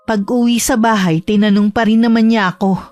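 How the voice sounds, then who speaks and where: A woman's voice: on the high side, fairly even intonation, fairly quick, darkish tone, no room sound. Woman narrating a horror story.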